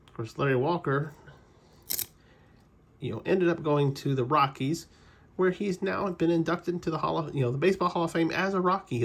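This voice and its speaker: A man with a slightly high voice talks his viewers through a pack opening. He drifts into player trivia and stops to correct himself. The tone stays relaxed and conversational throughout. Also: slightly rough. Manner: chatty, rambling trivia asides with self-corrections. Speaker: card-collecting channel host. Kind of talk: casual pack-opening commentary.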